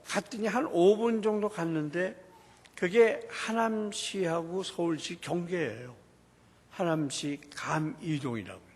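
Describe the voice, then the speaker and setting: A man with a high, husky voice tells his church testimony as a story. His pitch leaps up and down as he acts out the people in it. A long reverb hangs on his words, as in a large hall. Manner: animated storytelling, acting out quoted dialogue. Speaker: church deacon giving a testimony.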